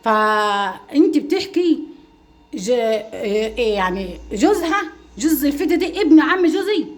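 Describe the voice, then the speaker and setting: A woman's voice: sits high, big pitch swings, normal speed. A middle-aged woman speaking as a mother and home-cooking vlogger, pleading and emphatic as she repeats herself in a livestream reply to critics.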